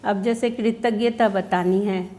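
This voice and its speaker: A woman's voice: mid-range voice, fairly even intonation, measured pace, dark tone. A woman schoolteacher at a workshop, explaining how she teaches children, asking questions and acting out their answers. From India. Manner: explains with questions, often adds "है ना?". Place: workshop session.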